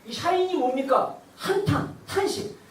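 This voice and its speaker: A woman in her thirties preaching a lively sermon as pastor, at times shouting out cries to God. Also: high-pitched, a little slow. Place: church sanctuary. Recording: roomy church hall from far off.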